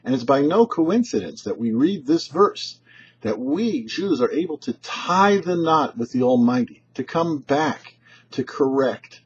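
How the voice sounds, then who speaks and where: A male rabbi with a husky, rather high voice and swooping intonation reads a short scripted religious commentary as host of a weekly Torah portion show. The audio is dull, lo-fi and muffled.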